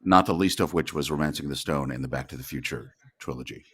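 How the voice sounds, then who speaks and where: A man's voice: a bass voice, fast, fairly bright tone, breathy edge. A man giving casual movie commentary, sharing detailed film trivia with friends.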